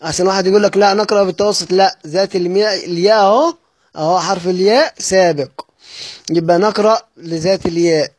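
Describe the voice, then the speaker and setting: A man with an Egyptian Arabic accent teaching the rules of Quran recitation, posing questions and answering them himself, and chanting verses slowly. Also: high-pitched, no room sound. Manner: asks and answers his own questions.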